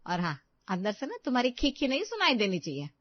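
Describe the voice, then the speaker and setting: A woman acts out a domineering middle-aged mother-in-law in a storybook tale, barking orders loudly in a high-pitched voice. She keeps scolding, with no warmth at all. The sound is close, dry and a little dull. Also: huge pitch swings, quick pace, no echo. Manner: scolding, loud and commanding.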